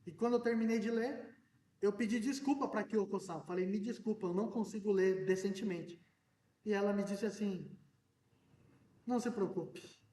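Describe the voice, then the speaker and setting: A pastor with an unusually high male voice delivers his sermon with animated energy, sometimes nearly shouting. He sounds as though he stands some way from the mic. The church hall around him rings with echo. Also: moderate pace, distant mic.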